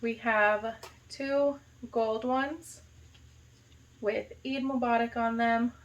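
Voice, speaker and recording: The audio is dull as a young woman from the U.S., a high school teacher who vlogs, unwraps a gift box in a relaxed clip. Her first language isn't Arabic. Slow and a little high-voiced, she dwells on her joy, enthusing over each item with frequent "like" and "so cute."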